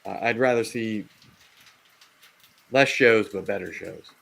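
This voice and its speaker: Taking it slowly, a man speaks in a fairly low, slightly bright voice with vocal fry. He hosts a casual reptile livestream, rambling into rants with plenty of fillers and restarts as his voice gives out.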